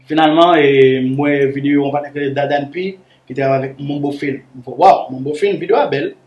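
A man's voice: on the high side, steady tone, fairly quick, muffled recording. A man, a guest musician telling a long story in a casual, rambling way, repeating words and the filler "là". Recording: roomy echo with faint music underneath.

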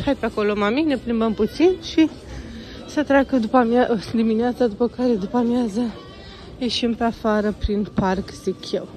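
A woman's voice: fairly high pitch, a little mellow. Chatty mother vlogging through a mall. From Romania. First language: Romanian. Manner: chatty, coaxing and patient with her child, mixing in English phrases. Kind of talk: casual walking vlog, talking to camera and child. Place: indoor shopping mall.

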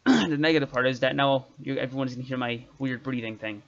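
A man chats loosely while streaming a survival game, losing his train of thought and trailing off. His voice sits at an everyday middle pitch. The stream audio sounds dull and muffled. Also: quick pace, creaky. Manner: rambling, trails off mid-sentence. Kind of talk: casual gameplay chat.

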